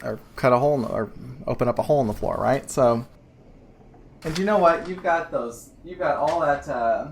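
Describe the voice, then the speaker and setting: Running a tabletop game as its narrator, a woman speaks in a very deep voice at a moderate pace, with a little hiss or hum in the recording. Her delivery is loose and halting, packed with fillers and restarts.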